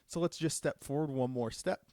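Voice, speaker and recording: A man's voice: fairly high pitch, normal speed, mellow, dry recording, studio quality. A man hosting a live stream Q&A, casually revealing cards with enthusiasm. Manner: enthusiastic, upbeat card reveals. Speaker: judge program host.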